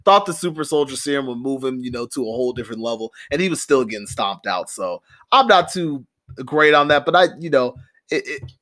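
A young man co-hosting a casual podcast, animated and loose. His voice leaps up when he gets excited, and he leans on filler words as he talks. His speech stays relaxed and conversational throughout. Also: medium pitch, brisk. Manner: animated, laughing, filler-heavy. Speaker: podcast co-host.

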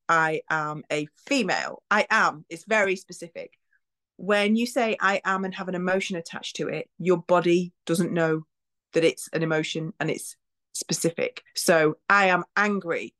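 A woman's voice: lowish voice, normal speed. Chatty woman in her forties. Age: 40s. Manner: chatty, with lively acted-out self-talk quotes. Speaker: podcast host. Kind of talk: reflective solo podcast talk.

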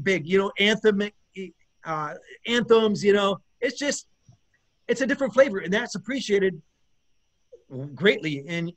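A man with a notably high voice, a rock bassist giving an interview. He rambles, stumbles and restarts, but his enthusiasm for the music comes through. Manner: rambling, searching for words, lots of restarts. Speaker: bass player in an eighties rock band. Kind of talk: casual interview chat.

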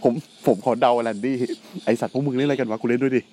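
A man with a medium-pitched voice gives casual wrestling commentary as a podcast co-host. He is blunt and slangy, and swears freely. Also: steady tone, quick pace, over a noisy crowd.

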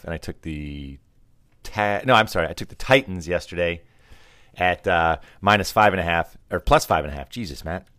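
A man's voice: low voice, fairly bright tone, no echo, clean studio sound. A man, middle-aged, chatting casually and teasingly about sports as a podcast co-host, unscripted. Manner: teasing, bantering. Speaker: podcast co-host, father of the other host. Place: home basement.

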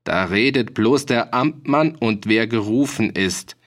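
A man's voice: medium pitch, a little slow, close to an everyday voice. A man voicing a stern, dignified older magistrate who questions people formally.

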